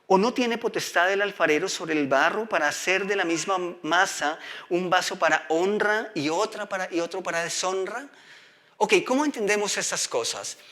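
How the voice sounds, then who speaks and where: A man's voice: high-pitched, pushed and bright. A male preacher giving a sermon, reading scripture aloud and often checking in with the audience through questions.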